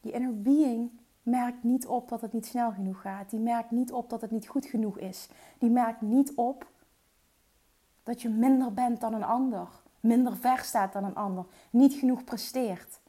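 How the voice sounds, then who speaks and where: Woman motivational coach, earnest and encouraging, warm mellow voice, English phrases in her speech. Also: on the high side, steady tone, normal speed. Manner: earnest and coaching, drops into soft whispers. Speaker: entrepreneur and mindset coach. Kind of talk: motivational talk.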